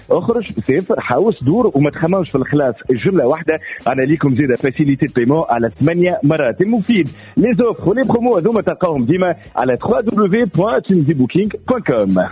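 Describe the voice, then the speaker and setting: A man's voice: fairly high pitch, husky. A Tunisian man presenting a radio prize giveaway in upbeat, promotional game show host patter. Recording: muffled on-location radio link.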